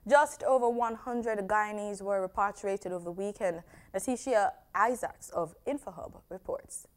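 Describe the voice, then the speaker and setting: A woman news anchor reading scripted headlines in an even, measured way. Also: medium pitch.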